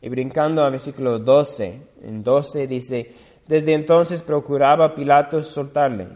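A man preaching a sermon, reading scripture aloud slowly and deliberately, now and then correcting himself. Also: mid-range voice, fairly even intonation, a little mellow, big-room sound.

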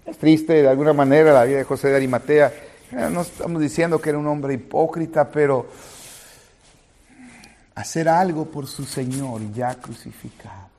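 A man with a high voice delivers a Spanish sermon as a pastor. He talks straight to his congregation, swings between loud fervent passages and low quiet ones, and acts out little scenes along the way. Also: normal speed. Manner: animated preaching, acts out little scenes, addresses congregation directly.

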